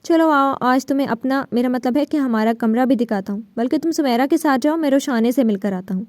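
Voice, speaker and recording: A woman's voice: high voice, darkish tone, no echo, close to an everyday voice. A woman reading the part of a vengeful young man in an audiobook novel, with a menacing, sneering delivery. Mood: tender.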